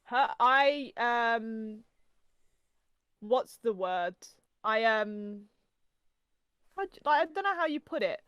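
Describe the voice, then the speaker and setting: A woman's voice: on the high side, lively intonation, slow pace, long pauses, a bit bright, clean tone, dry recording, dull audio. Chatty young Englishwoman, dry close sound. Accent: English, softened Norfolk. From England. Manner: chatty, rambling, lots of fillers. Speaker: podcast co-host. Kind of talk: casual chat.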